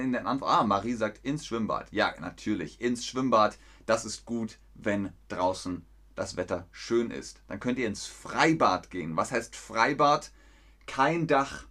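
A man from teaching in a live-stream lesson, speaking slowly and clearly, reading viewers' chat aloud and correcting them. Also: mid-range voice, a bit bright.

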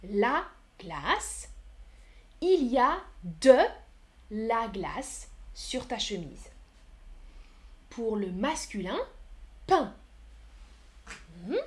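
A woman teaching a live-streamed French lesson, speaking slowly and clearly, counting aloud and answering viewers in the chat. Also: on the high side, sing-song.

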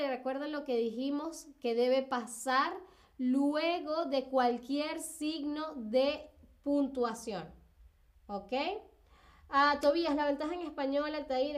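A young woman teaching spelling on a live stream, explaining patiently with fillers and cheering her viewers on. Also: sits high. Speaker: Spanish teacher.

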